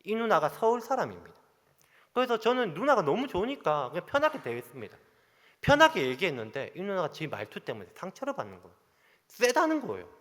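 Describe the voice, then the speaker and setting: A man with a Gyeongsang accent preaches from the pulpit, his voice pitched somewhat high and moving up and down with lively animation. He tells stories and acts out the dialogue. The sound rings with the long reverb of a church hall. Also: fast. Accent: Gyeongsang Korean. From Gyeongsang region, Korea. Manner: animated storytelling, acting out dialogue. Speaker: pastor. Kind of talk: sermon. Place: church sanctuary.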